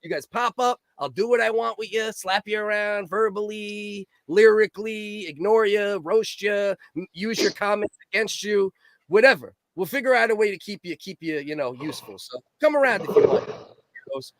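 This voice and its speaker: A man hosting a casual podcast, loud and profane, repeating himself for emphasis. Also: sits high, animated, fairly quick, no room sound. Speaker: podcast host.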